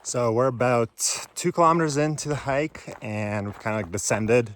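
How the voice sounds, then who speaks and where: A man co-hosting a hiking vlog, narrating casually in a relaxed, loose way with plenty of filler words. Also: mid-range voice, moderate pace, a little hiss or hum. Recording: voice-over with clear music bed. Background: music under the voice.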